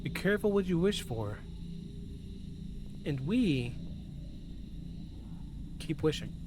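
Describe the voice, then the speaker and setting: This man's voice is on the high side and sing-song, and he talks slowly as he hosts a live podcast from home, with music and background noise. Effusive and prone to repetition for emphasis, he switches between scripted narration and loose asides.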